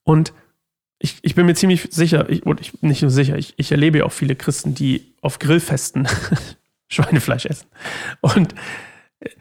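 A man's voice: fairly high pitch, fairly even intonation, normal speed, creaky, pauses often, a little mellow, slightly rough. A man hosting a daily Bible study show, reading scripture aloud and then talking it through in a rambling, chatty way full of fillers. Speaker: Bible study podcast host. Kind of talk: casual Bible commentary.

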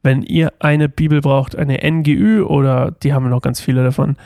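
A man's voice: medium pitch, steady tone, normal speed, vocal fry, warm tone, no echo, clean studio sound. A man reading a Bible passage aloud and then commenting on it in a loose, casual way, with small slips and restarts. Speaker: Bible reading podcast host.

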